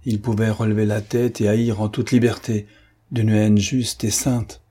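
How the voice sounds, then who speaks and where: Low, husky male audiobook narrator. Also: flat delivery, unhurried, warm tone.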